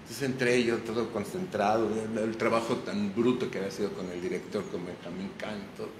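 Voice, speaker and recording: An actor at a press conference telling a lively, animated anecdote. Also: male voice, fairly low pitch, brisk. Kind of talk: storytelling anecdote. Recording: echoey room with background noise.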